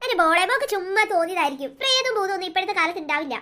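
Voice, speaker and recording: Someone voicing a soothing cartoon dad, squeaky high. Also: animated, rapid-fire, sharp tone, full character voice. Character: worried cartoon father, soothing and calm. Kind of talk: cartoon voice acting.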